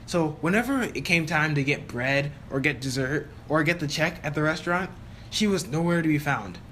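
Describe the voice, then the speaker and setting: A man's voice: on the high side, lively intonation, moderate pace, a bit bright, slight background noise. A young man narrating a casual story-time voice-over, chatty and exasperated, with lots of fillers. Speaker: YouTuber telling a story.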